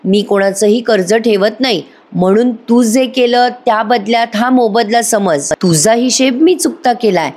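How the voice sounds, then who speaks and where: A woman's voice: fairly high pitch, measured pace, a little mellow. A woman doing a curt old matriarch. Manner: curt, brusque. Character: stern proud elderly matriarch.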